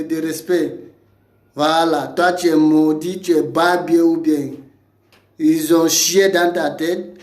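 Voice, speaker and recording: A man from Cameroon addressing a rival in a combative, taunting video rant, repeating challenges and insults. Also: sits high. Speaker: online commentator. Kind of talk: ranting video message. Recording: roomy echo.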